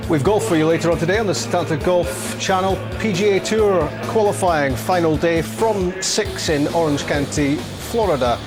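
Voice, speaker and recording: A male sports presenter hosting live football coverage from a studio. His voice sits fairly high for a man, with loud music behind it. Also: normal speed, hardly any pauses. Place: television studio.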